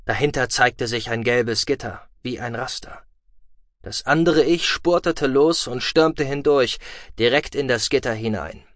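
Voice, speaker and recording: Calm male audiobook narrator. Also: mid-range voice, dry recording, studio quality. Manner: measured, calm and expressive reading. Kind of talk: scripted narration.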